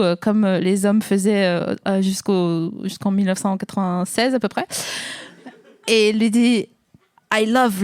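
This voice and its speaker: A woman's voice: mid-range voice, clean tone, dry recording. A young woman hosting a casual chat, playful and theatrical, swearing often. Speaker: podcast host.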